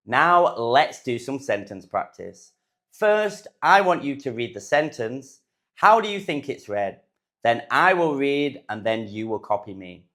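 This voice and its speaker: Brief: British male pronunciation teacher, mid-pitched voice, unhurried listen-and-repeat delivery with crisp, deliberate words. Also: big pitch swings, a bit bright. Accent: British English. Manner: slow, clear, deliberately enunciated words. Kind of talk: listen-and-repeat phonics lesson.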